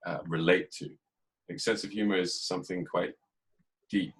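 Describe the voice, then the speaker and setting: An English man hosting a podcast, talking in a casual, reflective way and keeping a dry, even tone even when he jokes. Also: low-pitched, moderate pace, breathy edge, poor audio. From England. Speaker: podcast host. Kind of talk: casual conversation.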